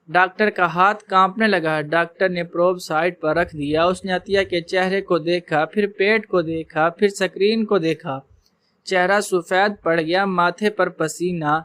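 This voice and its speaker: A man narrating an emotional story in a steady storytelling manner. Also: sits high, clear, resonant tone, dry recording.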